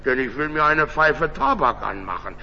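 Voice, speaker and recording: A man voicing a dusty, fearless old-time cavalryman who makes curt, gruff demands. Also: a little high, very animated, moderate pace, pushed and bright, voice pushed down, full character voice. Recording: dull echoey recording with faint hum.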